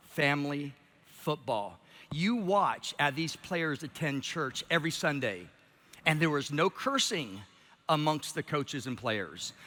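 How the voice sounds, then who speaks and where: A man's voice: on the high side, pushed and bright, long reverb tail. A man giving a passionate motivational speech from a stage. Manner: passionate, emphatic delivery. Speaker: keynote speaker.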